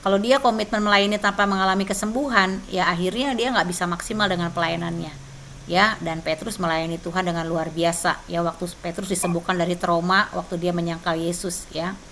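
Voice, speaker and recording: Woman, church teacher, bright voice, chatty tag questions, online meeting, faint hiss. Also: lowish voice, fairly even intonation, brisk. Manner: conversational, frequent tag questions. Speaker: church training speaker. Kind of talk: teaching with personal testimony.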